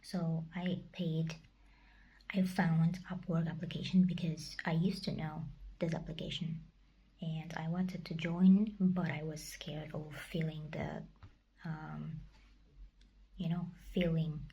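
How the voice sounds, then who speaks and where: In this casual personal vlog, a young Kazakh-speaking woman whispers softly and breathily, her low voice captured on a muffled recording. She talks slowly and flatly, hesitating as she hunts for the right words.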